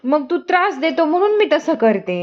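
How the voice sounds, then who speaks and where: A woman talking to her young son for viewers in a casual family vlog, coaxing him with gentle, repeated questions. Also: very high voice, very animated, brisk, lo-fi sound. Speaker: mother filming her child for viewers.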